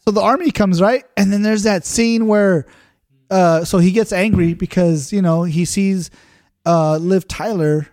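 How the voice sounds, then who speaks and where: High-voiced man, rambling profane chat. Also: a little slow, darkish tone, no echo, studio quality. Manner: profane, rambling retelling with many "right?" checks. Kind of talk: casual chat. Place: room with friends, drinking beer.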